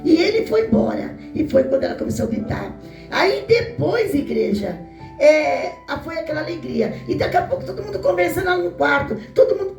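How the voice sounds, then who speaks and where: Woman preacher, high lively voice, fervent testimony in an echoey church with faint guitar behind. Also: recorded from a distance. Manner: fervent, addresses the church, shouts and voices people in her story. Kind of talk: emotional testimony sermon.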